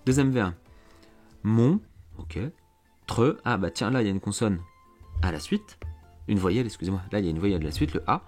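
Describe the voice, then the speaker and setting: A male teacher with a fairly low voice works through an exercise step by step. He speaks patiently, with frequent fillers and self-corrections, and soft background music plays under him. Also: expressive, fairly quick, pauses often. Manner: patient, stepwise, many fillers and restarts. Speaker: French teacher. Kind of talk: online lesson walkthrough.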